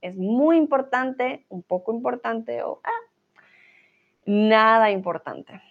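A woman's voice: fairly high pitch, animated, takes it slowly, gravelly, dull audio. A woman teaching a live online language class, encouraging her viewers, reading and answering their comments with frequent small laughs. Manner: encouraging, laughs often, says "¿vale?".

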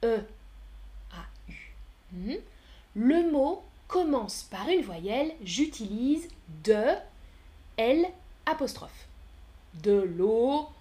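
A woman teaches a French lesson on a live stream, talking very slowly and clearly as she counts aloud and answers the chat. Her voice sits high and moves a great deal. Now and then she drops a word to a soft whisper.

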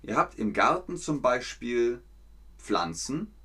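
Male German tutor, mid-pitched, speaks very slowly and plainly, repeats vocabulary and acts out emotions for learners. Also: big pitch swings, pushed and bright, breathy edge. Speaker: German teacher. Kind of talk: slow, clear language lesson for learners.

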